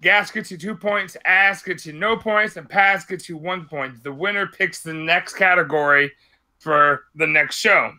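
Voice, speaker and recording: A man in his late thirties hosting a sneaker podcast, talking loudly and swearing in loose banter. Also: sits high, unhurried. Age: 30s. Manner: loud, profane, animated talker. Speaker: podcast host.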